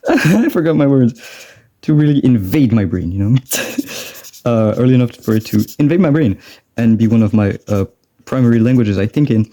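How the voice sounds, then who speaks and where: This young French vlogger, whose first language is French, keeps up a rambling, laugh-filled chat while he draws. He speaks at a moderate pace in an animated, medium-pitched voice with a dark tone.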